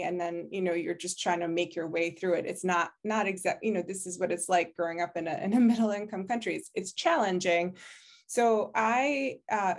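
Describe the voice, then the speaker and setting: A Hungarian woman, a public health professor for whom English is a second language, reflects on her story in an oral history interview over a video call from her home office, using a virtual background. She speaks in a lowish voice with a Hungarian accent, laughs easily, and fills her talk with "you know".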